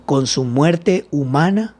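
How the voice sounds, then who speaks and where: A man's voice: on the high side, animated, slow, darkish tone. Man, pastor, Bible study lesson, reads scripture, asks questions. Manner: reads scripture aloud then explains it, asking questions.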